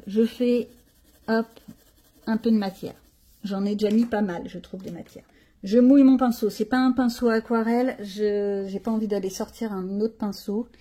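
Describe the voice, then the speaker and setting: A woman's voice: medium pitch, warm tone, slightly rough. A middle-aged woman chatting casually about her art supplies, thinking aloud as she demonstrates them, with frank slangy asides. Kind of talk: casual show-and-tell chat.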